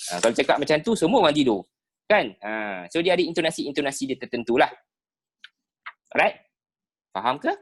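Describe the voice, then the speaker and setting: Lively Malaysian man teaching a video-call class. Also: a little high, fairly quick, long pauses. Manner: animated, peppered with "ha" and rhetorical checks. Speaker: sales trainer.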